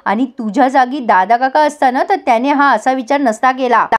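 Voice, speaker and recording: A woman's voice: high-pitched, brisk, natural voice. A woman voicing a spirited young woman who teases and mocks in a retold serial. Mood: teasing. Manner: teasing, mocking.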